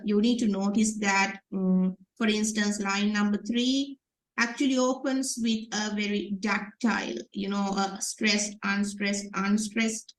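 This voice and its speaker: Woman teaching poetry in an echoey room. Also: medium pitch. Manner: explanatory, with frequent fillers and restarts. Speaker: literature teacher. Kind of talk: exam revision lecture.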